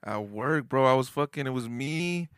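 Bright-voiced young frat-bro podcast host, male. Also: medium pitch, lively intonation, normal speed, clear, resonant tone, dry recording, studio quality. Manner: frat-bro slangy talk, full of "bro", swearing. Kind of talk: casual podcast banter.

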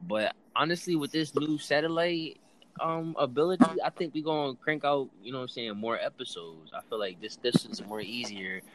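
A man's voice: medium pitch, fairly quick, low-quality recording. A young American man hosting a casual podcast in laid-back, slangy bro talk. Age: young adult. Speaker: podcast host. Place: remote call recording during quarantine. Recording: clear background noise.

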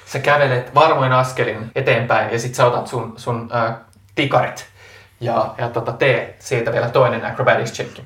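A man's voice: medium pitch, fairly even intonation, a bit bright. A man game master tells a tabletop adventure dramatically, with hesitant fillers between phrases. He sounds distant from the mic in a roomy space with faint noise. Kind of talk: narrating a tabletop role-playing game.

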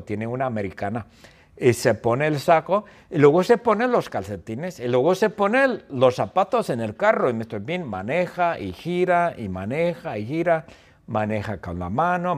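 A male teacher narrating a story slowly and playfully for language learners, repeating phrases and adding sound effects. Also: mid-range voice. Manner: slow, repetitive, playful retelling with sound effects.

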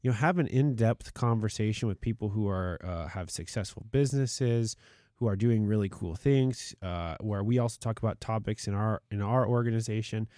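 A man co-hosting a casual podcast chat in a studio, talking in long animated runs. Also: moderate pace, no echo. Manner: animated, mocks clickbait in high put-on voices. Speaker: podcast co-host.

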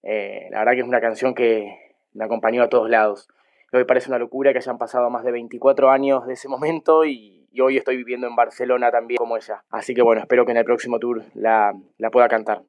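A man leaving a voicemail message, heard over a landline phone line, talking through a rapid, even-toned recollection. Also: medium pitch. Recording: muffled phone-line sound.

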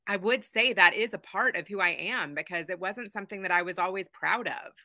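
A woman's voice: medium pitch, fairly quick, bright, forceful tone, no room sound. A woman from Kentucky, a guest in a casual conversation, talking in a friendly, reflective way.

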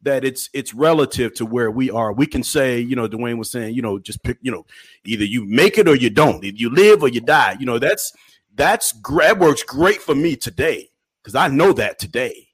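Pastor-host, man in his forties, from Illinois. Animated, emphatic anecdotes on a dead-dry mic. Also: mid-range voice, normal speed, slightly rough, no room sound. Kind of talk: casual panel discussion.

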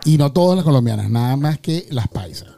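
A man's voice: medium pitch, animated, fairly quick, gravelly, warm tone. A man co-hosting a podcast, trading crude jokes with plenty of teasing and laughter. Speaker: podcast co-host. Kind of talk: playful casual banter.

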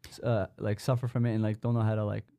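A man's voice: fairly low pitch, flat delivery, fast, mellow. A man chatting casually on a podcast in informal slang, often repeating words as he goes.

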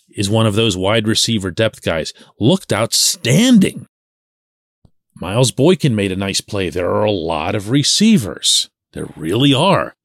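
A man in his forties from Pittsburgh, hosting a solo sports podcast and talking in an animated way, stretching the words he wants to stress. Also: medium pitch, dry recording, studio quality.

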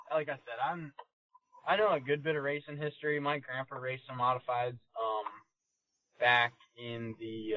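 A race car driver appears as a guest on a podcast, chatting casually and rambling with lots of fillers and laughter. His mid-range voice comes through in a dry recording with muffled, lo-fi podcast audio.

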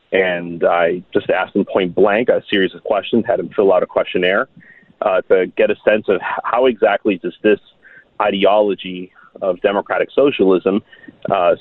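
Man, 30s, from Miami, very low voice, phone-line sound, halting and earnest. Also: dry recording. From Miami, United States. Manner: earnest, halting, many restarts and fillers. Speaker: guest writer. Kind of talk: radio interview over the phone.

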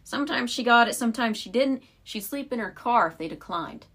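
A young woman co-hosting a podcast tells a story in casual chat, her voice a little high, husky, fairly bright, and expressive. She talks briskly as a chatty storyteller, sprinkling in lots of "like" fillers.

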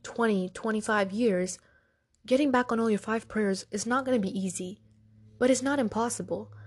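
On her podcast, a young woman with a medium-pitched, darkish, slightly rough voice speaks through some congestion. Her motivational talk is casual, direct and soothing, and she keeps it chatty with plenty of "girl" and "y'all."

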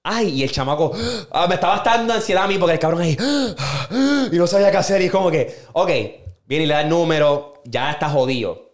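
Man, podcast co-host, slangy and animated storyteller with a fairly high voice that jumps for quotes. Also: fast. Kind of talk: casual podcast chat.

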